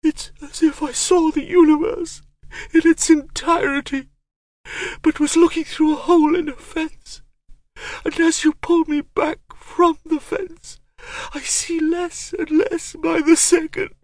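A man voicing an old legendary sorcerer, speaking in a high, strained hoarse voice, anguished and insistent. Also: flat delivery, measured pace, no room sound. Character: old male legendary sorcerer, shaken and imperious. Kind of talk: audiobook character voice.

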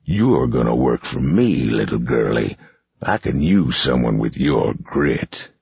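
Storybook villain, sneering mine boss read by a man, deep slow drawl, muffled sound. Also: very animated, vocal fry, a little mellow, slightly rough, dry recording, full character voice. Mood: menacing. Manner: slow, gloating, menacing. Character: scheming, sneering male mine boss, adult. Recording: dull, muffled recording.

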